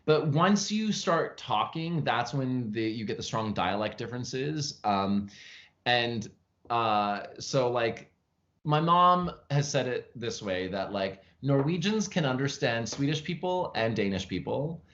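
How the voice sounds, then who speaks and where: A man, an actor, chatting animatedly in a casual interview, telling stories with lively jumps in his voice. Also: medium pitch, unhurried. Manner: frequent fillers and restarts, chatty. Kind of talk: casual interview over video call. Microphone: video call from home. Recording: lo-fi video call audio.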